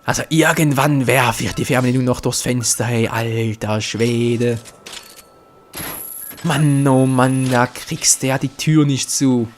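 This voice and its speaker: A young man hosting a let's play, commenting on the game excitably, swearing and talking to his viewers. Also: mid-range voice, measured pace, slight background noise.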